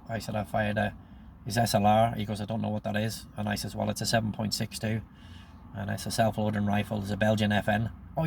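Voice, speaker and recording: Gravelly and fairly low, the voice belongs to a sixty-year-old man with a Northern Irish accent, and background noise can be heard. He tells rambling stories from his life in a relaxed way, quoting and acting out conversations from memory.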